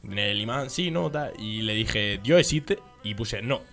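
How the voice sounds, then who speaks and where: A man's voice: fairly low pitch, a little slow, creaky, sharp tone, soft background music. A young man with a Spanish accent from Spain, telling school stories in a casual chat and laughing through them.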